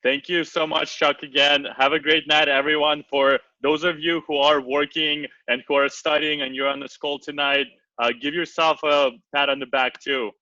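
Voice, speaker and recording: A man's voice: fairly high pitch, flat delivery, moderate pace, bright, forceful tone, dry recording, recorded from a distance, muffled recording. A man hosting a live Q&A event, upbeat and polite as he thanks the guest. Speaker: event host.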